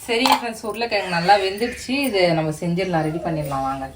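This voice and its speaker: A woman's voice: lowish voice, expressive, quick pace. Chatty woman cooking in a kitchen. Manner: chatty, addresses viewers as friends. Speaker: cooking vlogger. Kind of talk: casual home cooking vlog. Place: home kitchen. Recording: kitchen sizzle and frying noise behind.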